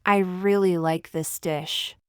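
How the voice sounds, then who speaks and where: Woman, lesson read-out, very slow and careful, smooth clean voice, dry sound. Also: on the low side, fairly even intonation, no echo. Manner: slow, deliberate, one phrase at a time. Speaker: language teacher. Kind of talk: reading example phrases for learners.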